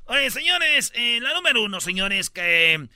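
Man, Mexican accent, radio comedy host, slangy and rowdy, very bright tone. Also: very high-pitched, big pitch swings, unhurried, no echo, studio quality. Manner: rowdy, jokey, slangy storytelling.

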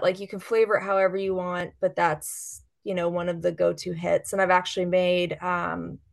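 Chatty woman chef, lower-pitched. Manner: chatty, fillers of "like" throughout; enthusiastic, gushing. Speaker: chef, guest. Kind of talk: casual interview chat.

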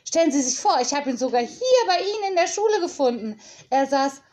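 A woman's voice: sits high, very animated, brisk, a little mellow, pitched above the performer's own voice. A playful, cheerful nanny, as a woman reads her. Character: cheerful whimsical female nanny teacher.

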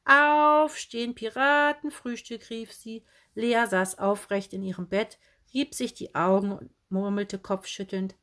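A woman narrating a children's book in a lively, expressive way. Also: mid-range voice. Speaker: audiobook narrator.

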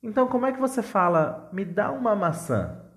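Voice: medium pitch, sing-song, moderate pace. An English teacher with a Brazilian Portuguese accent, giving a call-and-repeat lesson with careful model phrases and questioning prompts.

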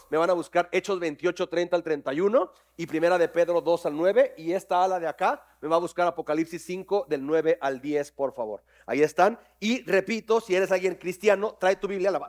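A man preaching a sermon to his congregation, lively and jokey, quizzing people on verses. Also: high voice. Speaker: pastor. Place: church hall with congregation.

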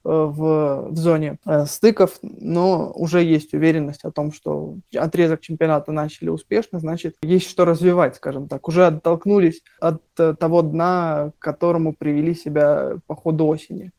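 A man giving a halting post-match football analysis, with many fillers and restarts. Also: fairly high pitch, level tone, gravelly, dark tone, no room sound. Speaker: football pundit.

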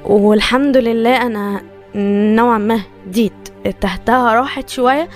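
A woman voicing a young Egyptian woman who stutters and speaks hesitantly and quietly in a recorded message. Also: a little high, moderate pace, soft background music, pitched below the performer's own voice, lightly acted. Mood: somber.

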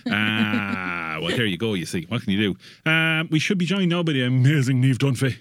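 A man hosting a radio show, teasing his guests in quick, joking banter from the studio. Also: medium pitch, animated, fairly bright tone, no echo. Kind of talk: casual chat.

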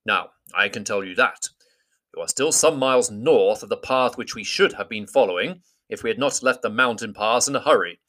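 Old storybook wizard, wise and commanding, raised bright tone, as a narrator puts him on. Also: male voice, fairly low pitch, normal speed, close to an everyday voice. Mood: grave. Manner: grand, formal speech.

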